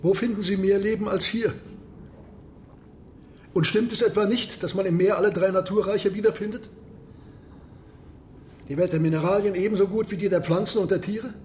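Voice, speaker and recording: A proud submarine captain in a radio play, acted by a man, speaks in a fairly high, soft-edged voice. He is measured and imperious, formal in every phrase, guarding his secrets. Some background ambience sits behind him. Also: fairly even intonation, a little hiss or hum, close to an everyday voice. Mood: reverent, fervent. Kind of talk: radio drama acting.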